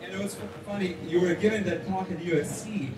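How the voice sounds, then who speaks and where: A man from Ukraine in the audience at an outdoor event, rambling excitedly as he asks a question. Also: high-pitched, fast. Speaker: audience member asking a question. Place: outdoor rooftop deck. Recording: echoey and distant with crowd.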